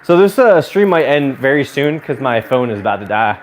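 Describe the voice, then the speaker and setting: A man's voice: medium pitch, big pitch swings, moderate pace, slight background noise. A man in his late thirties doing casual live-stream commentary on a baseball game, chatty and muttering with restarts, on a clip-on mic. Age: 30s. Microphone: magnetic clip-on mic.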